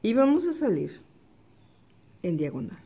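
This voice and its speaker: A woman giving a patient, step-by-step embroidery lesson, calmly repeating each stitch. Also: mid-range voice, measured pace, breathy edge. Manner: calm step-by-step instruction, repeats the steps softly. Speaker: embroidery teacher. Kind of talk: slow, patient craft tutorial.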